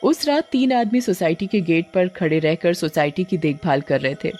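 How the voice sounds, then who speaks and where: Steady female narrator for an animated horror story, soft music bed. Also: lowish voice, moderate pace.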